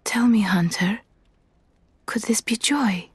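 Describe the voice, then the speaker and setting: A woman voicing a gentle living doll in a video game, a talking doll speaking slowly, formally and softly in a breathy whisper. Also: medium pitch, no room sound. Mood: bewildered, moved. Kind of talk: video game character dialogue.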